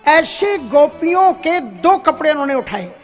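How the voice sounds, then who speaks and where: A man with a notably high-pitched voice preaches a devotional sermon. He explains spiritual ideas through everyday anecdotes, chuckles along the way, and sometimes slips into English phrases. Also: very animated, measured pace, faint music behind.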